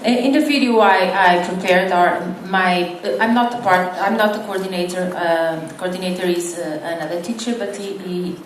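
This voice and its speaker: A woman's voice: lowish voice, moderate pace, hardly any pauses. Hesitant woman speaking in an echoey hall. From Portugal. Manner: hesitant, many fillers and restarts. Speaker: English teacher giving a conference talk. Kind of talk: conference presentation. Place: conference hall. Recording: echoey hall from far off, faint noise.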